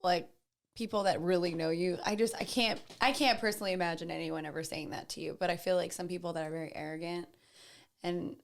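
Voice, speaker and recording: A woman's voice: on the low side, fairly even intonation, fast talker. A woman co-hosting a casual podcast, asking questions in a chatty way, with many fillers. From Arizona, USA. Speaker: podcast co-host.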